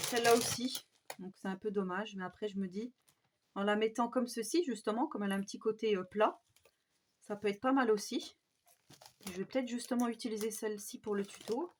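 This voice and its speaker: A woman's voice: fairly high pitch, background noise. A woman from Haute-Marne with a marked regional French accent, chatting hesitantly through a craft tutorial and often adding "hein". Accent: Haute-Marne French with Swiss border touches. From Haute-Marne, France. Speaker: craft YouTuber. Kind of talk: casual DIY tutorial talk.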